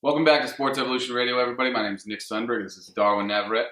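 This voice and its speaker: A man's voice: mid-range voice, rapid-fire, pushed and bright. A man co-hosting a casual sports radio show from home, talking in a laid-back way with fillers. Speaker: co-host. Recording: echoey room.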